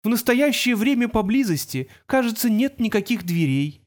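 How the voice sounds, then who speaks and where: A man voicing an ancient, gloomy male robot in an audiobook, with a creaky, grating voice and a slow, moaning, self-pitying drawl. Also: high voice, big pitch swings, pitched above the performer's own voice. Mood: mournful. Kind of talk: audiobook character voice.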